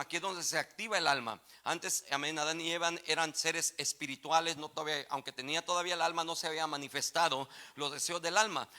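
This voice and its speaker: A man preaching a sermon as pastor in a church, asking for amens and putting questions to his congregation, rising from quiet teaching to loud fervent exclamations. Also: fairly high pitch. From Texas. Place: church sanctuary.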